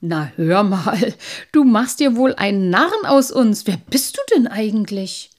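Woman doing cheeky young boys, loud, teasing, lively swoops, storybook. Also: mid-range voice, unhurried. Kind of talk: audiobook character reading.

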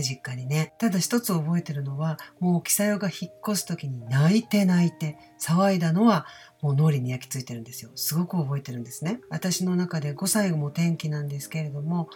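Low-voiced woman telling family stories. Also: warm tone, breathy edge. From Osaka, Japan. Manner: candid, chatty, self-deprecating asides. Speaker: channel host. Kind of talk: casual personal storytelling.

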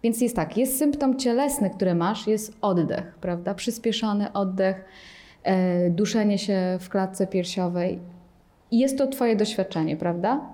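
A woman leading a meditation workshop, explaining in a lively way and acting out anxious inner voices. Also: medium pitch. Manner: animated, acts out panicked inner voices. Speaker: meditation teacher. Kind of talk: workshop teaching.

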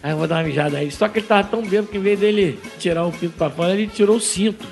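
A man with a high voice telling jokes among friends. He is animated and laughs often while he narrates. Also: racing, creaky, faint music behind. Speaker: joke teller. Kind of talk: casual joke telling.

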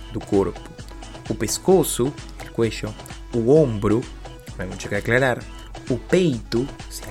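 Rioplatense guy teaching, jokey and easygoing, faint music in the background. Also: mid-range voice. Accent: Rioplatense Spanish. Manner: playful, jokey, repeating words slowly to teach. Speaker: Portuguese teacher. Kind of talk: casual video lesson.

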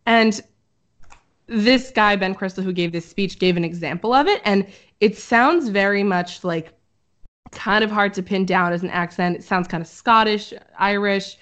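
A woman's voice: medium pitch, moderate pace, fairly bright tone. A woman co-hosting a podcast in casual chat, explaining at length with many "um"s. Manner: chatty, filler-heavy, explaining. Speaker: podcast co-host. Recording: dull lo-fi audio.

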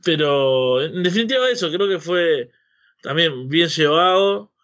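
Very bright-voiced man chatting, slightly lo-fi. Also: fairly high pitch, lively intonation, unhurried. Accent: Rioplatense Spanish. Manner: rambling, seeking agreement with frequent tag questions. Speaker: wrestling podcast host. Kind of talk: casual opinionated chat about wrestling.

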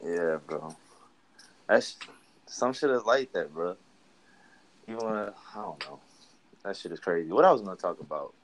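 A man's voice: low voice, lively intonation, moderate pace, long pauses, slight background noise, rough recording. A man chatting casually and relaying messages, with slangy, sweary, stop-and-start phrasing. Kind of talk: casual chat, reading out group messages.

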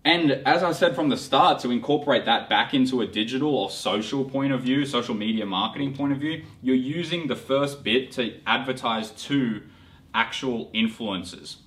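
A man's voice: mid-range voice, moderate pace, fairly bright tone, far from the mic. A man co-hosting a marketing podcast, talking in a rambling, enthusiastic way with frequent restarts. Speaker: podcast co-host.

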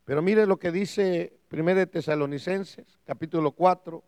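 High-voiced pastor preaching with gravelly fry. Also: male voice, moderate pace, no echo, studio quality. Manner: dramatic preaching, swings from hushed to shouting; keeps calling listeners "hermano". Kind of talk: sermon.

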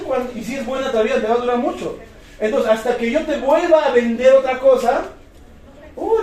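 A man with a Peruvian accent giving an energetic motivational sales talk, firing rhetorical questions and repeating key words. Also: very high voice. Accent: Peruvian Spanish. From Peru. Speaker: business presenter. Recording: echoey room, distant mic.

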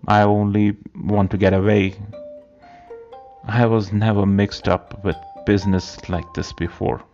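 A man reading a period story aloud in a slow, halting way, often repeating words. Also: fairly low pitch, little pitch movement, a little mellow, lo-fi sound, soft background music. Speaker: narrator.

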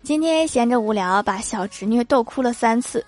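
A woman hosting a comedy show, reading jokes aloud with lively delivery and laughter between them. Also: fairly high pitch, moderate pace, faint music behind. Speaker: host of a comedy joke show.

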